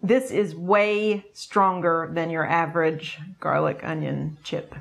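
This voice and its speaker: A woman's voice: deep voice, steady tone, slow, creaky. A middle-aged woman chatting casually as a food review co-host, emphatic and agreeable. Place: small indoor room at a table. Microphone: lapel mic.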